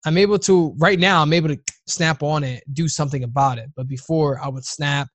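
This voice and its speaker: A man's voice: on the high side, fairly even intonation, fairly quick, a bit bright, no room sound. A man in his thirties talking casually and openly, swearing often and restarting his sentences as he thinks aloud. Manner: rambling, profane, restarts often. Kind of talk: casual conversation.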